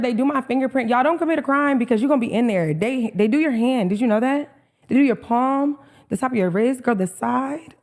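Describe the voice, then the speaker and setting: A young woman co-hosting a podcast, telling a story in casual chat, lively and profane, acting out the people she quotes. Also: a little high. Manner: animated and profane, quotes others in dialogue. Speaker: podcast co-host.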